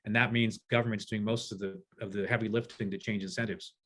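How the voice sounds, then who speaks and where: A man's voice: fairly low pitch, flat delivery, quick pace, a bit bright. A man in his forties, a guest in a discussion, arguing his case with passion. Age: 40s. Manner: passionate, argumentative. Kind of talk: conversational discussion.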